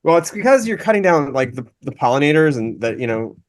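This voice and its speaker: A man hosting a podcast in loose, casual conversation. His voice sits at a middle pitch. He rambles, restarting his sentences and leaning on fillers. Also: big pitch swings, fast. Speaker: podcast host. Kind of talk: casual chat.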